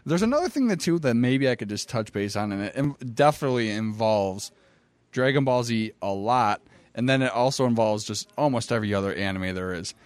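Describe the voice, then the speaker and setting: A laid-back man chatting and joking with a friend, his voice at a middle pitch. The recording is dry and close. He swears casually and riffs for laughs. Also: expressive, brisk, smooth, no echo. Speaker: podcast co-host. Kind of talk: casual chat.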